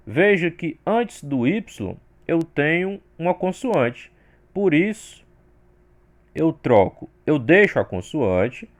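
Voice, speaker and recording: A man from Brazil teaching an English grammar lesson, explaining the rules step by step and saying the sample words louder. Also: mid-range voice.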